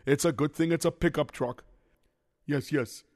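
A man's voice: on the high side, normal speed, darkish tone, no echo, studio quality, natural voice. A man playing a bumbling handyman who talks himself through every mishap, with Yiddish exclamations scattered through his muttering. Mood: flustered. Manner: rambling self-talk, sprinkled with Yiddish exclamations. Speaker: lunch driver. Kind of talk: children's comedy sketch.

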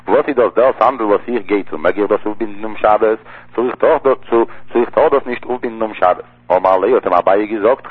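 A man with a husky, somewhat low voice rattles through a religious law lesson at a fast clip. He keeps circling back to repeat key phrases as he explains. The sound is thin and tinny, like a phone line. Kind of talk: text-study lesson.

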